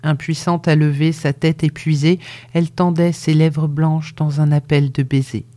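A narrator reading a literary audiobook in a measured way, often dropping to a hushed whisper. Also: medium pitch, little pitch movement.

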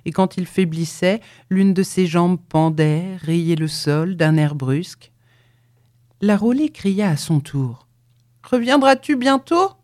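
A narrator reading a classic literary story aloud in a measured, expressive way. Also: medium pitch, no room sound, studio quality.

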